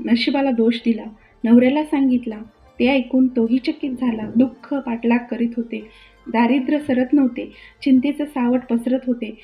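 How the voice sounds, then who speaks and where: A woman narrating a devotional folk tale in a steady, plain-spoken way. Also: fairly high pitch, lo-fi sound. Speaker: storyteller.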